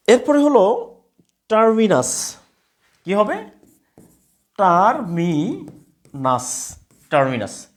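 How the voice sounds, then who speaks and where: A man with a Bengali accent teaching English grammar in a live online class, repeating words slowly and often checking that students follow. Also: high voice.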